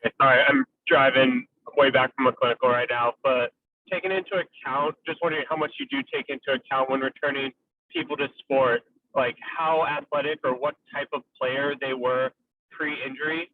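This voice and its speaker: A man's voice: mid-range voice, steady tone, moderate pace, a little hiss or hum. Young male caller on a car speakerphone, phone-thin, distant, rambling and casual. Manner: rambling, many filler "like"s. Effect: car speakerphone call. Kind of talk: casual question to the guests. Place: in a moving car. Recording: tinny distant phone line.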